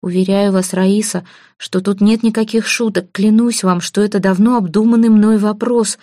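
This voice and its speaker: A woman's voice: mid-range voice, fairly even intonation, moderate pace, mellow, dry recording, clean studio sound, close to an everyday voice. A woman voicing an earnest, impulsive young nobleman who speaks insistently. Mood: pleading.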